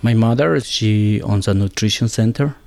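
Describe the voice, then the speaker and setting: Gravelly low-voiced Ecuadorian man. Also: darkish tone. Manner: halting, searching for words, second-language English. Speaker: guest, builder and former chef. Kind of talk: conversational interview.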